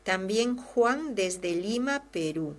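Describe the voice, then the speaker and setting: A fervent nun hosts a devotional program, giving a devotional talk and reading listener letters. Her medium-pitched female voice moves slowly and expressively, swinging from loud to hushed.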